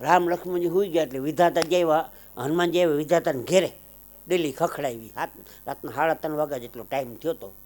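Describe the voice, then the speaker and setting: Lively comic storyteller man. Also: fairly high pitch. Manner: acts out characters in raised voices, slows for punchlines. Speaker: folk comedian storyteller. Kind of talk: live comic storytelling to an audience.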